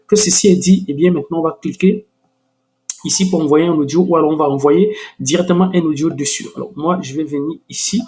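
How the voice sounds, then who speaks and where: A man hosting a screen-recorded software tutorial, hesitant and full of restarts, growing enthusiastic. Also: a little high, brisk. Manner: hesitant, many restarts and fillers.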